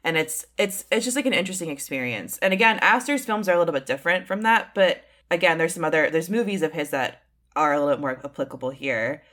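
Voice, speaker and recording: Woman podcast co-host, lowish voice, very animated, candid and casual. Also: fast. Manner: candid, loose, swears casually. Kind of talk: casual chat about horror films.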